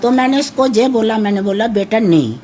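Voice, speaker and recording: An older woman's fairly high, dark-toned voice, naturally harsh, moves a little fast with lively intonation as she anxiously pleads about her missing son. It's an emotional interview, she repeats herself, and there's a faint hiss or hum.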